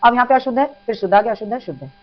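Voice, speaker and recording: A woman's voice: a little high, very fast. A woman teaching an exam-prep Hindi grammar lesson, patiently repeating examples and addressing students as children. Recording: dull lo-fi sound with mains hum.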